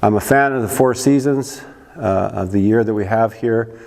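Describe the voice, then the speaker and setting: A man in his sixties with a Canadian accent, hosting a church talk show in a rambling, unhurried monologue. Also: fairly low pitch, vocal fry, a little mellow, long reverb tail. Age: 60s. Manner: rambling, unhurried, frequent restarts and uhs. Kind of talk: casual monologue to camera.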